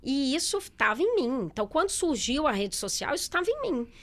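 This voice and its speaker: A middle-aged businesswoman in a relaxed interview, talking candidly with many fillers and quoted asides. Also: high-pitched, brisk. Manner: chatty, candid, lots of fillers and quoted speech. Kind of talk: casual interview talk.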